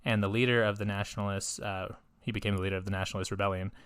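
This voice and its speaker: A man's voice: fairly low pitch, level tone, racing, a bit bright, clear, resonant tone, dry recording, studio quality. A man co-hosting a podcast in casual chat, rambling with lots of fillers, casual swearing and frequent laughs. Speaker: podcast co-host.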